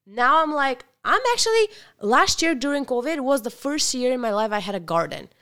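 A woman's voice: high voice, expressive, normal speed, sharp tone, clean tone. A woman from Bulgaria, talking as a guest in a casual interview, reflective and earnest, often restarting her sentences.

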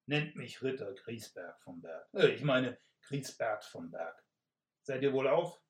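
A man's voice: measured pace, lightly acted. A man playing a bellowing old knight. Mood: pompous. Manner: booming, theatrical, archaic speech. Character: blustering old knight in chain mail. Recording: roomy echo.

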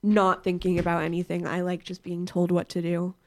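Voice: medium pitch, completely flat delivery, fairly quick, no echo. A podcast co-host chatting casually and candidly, often laughing and trailing off mid-sentence. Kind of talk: casual chat.

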